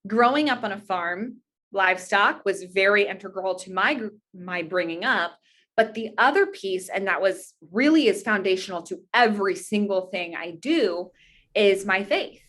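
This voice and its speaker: A woman's voice: medium pitch, normal speed, fairly bright tone. A young American woman giving conversational interview answers as a podcast guest. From Indiana, United States. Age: young adult. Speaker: podcast guest, author and pageant titleholder.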